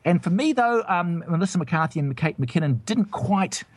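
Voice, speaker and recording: A man's voice: high voice, expressive, normal speed, no echo. A man hosting a casual film review chat, rambling and hesitant with many restarts. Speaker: film review show host.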